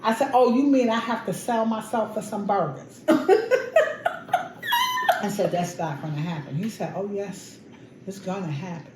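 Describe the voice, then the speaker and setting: A woman's voice: mid-range voice, moderate pace, long pauses, a crowd in the background. A middle-aged woman co-hosting a casual podcast, acting out the people in her stories as she tells them. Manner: animated storyteller acting out dialogue. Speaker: co-host. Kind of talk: casual storytelling chat. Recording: echoey kitchen with noise.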